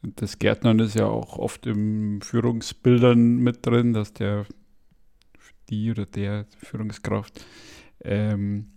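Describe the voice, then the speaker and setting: Low, gravelly-voiced male interviewer. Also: level tone, slow pace, dark tone. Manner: thoughtful, hedging questions. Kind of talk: interview questions.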